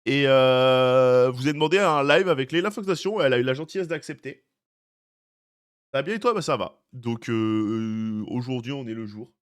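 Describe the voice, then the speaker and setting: His mid-range voice moves at a normal speed and has a clean tone. The young man is live-streaming and keeps up easy banter with viewers, naming them as he greets them, teasing them and joking on the side.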